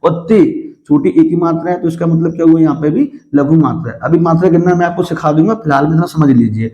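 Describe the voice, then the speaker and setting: This man's voice sits on the high side, and the recording has its highs cut off. Teaching Hindi grammar to students like a classroom lesson, he poses questions he then answers, says "theek hai" often, and recites verse with slow deliberation.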